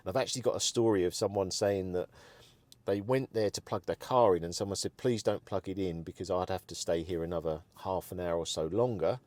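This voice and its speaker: Low-voiced man chatting casually. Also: a little fast, darkish tone. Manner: chatty, rambling, frank, with many ums. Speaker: vlogger. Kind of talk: casual opinion chat to camera.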